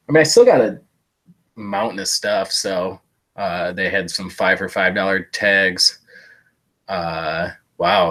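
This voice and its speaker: A thrift reseller streaming a haul talks casually about his finds through a live-stream setup, rambling with plenty of fillers and self-deprecating jokes. His deep voice sounds stuffy and congested, yet the tone is bright and forceful.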